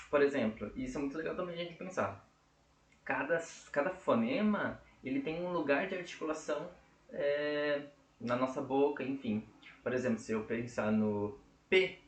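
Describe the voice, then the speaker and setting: A man teaching a casual lesson, explaining step by step and checking in often with his listeners. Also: medium pitch. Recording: echoey room.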